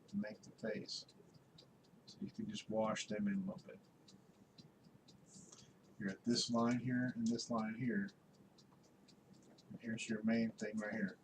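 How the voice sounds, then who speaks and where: A man teaching a drawing lesson, relaxed and instructive, talking as he works and pointing out each line. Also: on the low side, noisy background. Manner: relaxed, instructive, talks while working with frequent pointing words. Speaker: art instructor. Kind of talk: drawing tutorial walkthrough.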